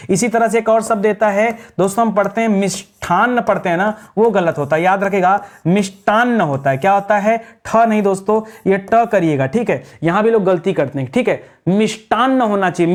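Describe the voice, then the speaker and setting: Man drilling Hindi spelling answers. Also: high voice. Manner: drills answers with repeated rhetorical questions. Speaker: Hindi grammar teacher. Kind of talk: exam revision lecture.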